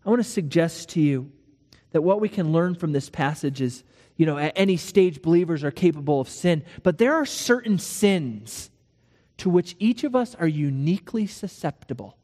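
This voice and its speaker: A man preaching a sermon, walking through a scripture passage and acting out the dialogue in lively storytelling. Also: on the high side, normal speed, long reverb tail. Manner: animated storytelling with acted dialogue. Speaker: pastor.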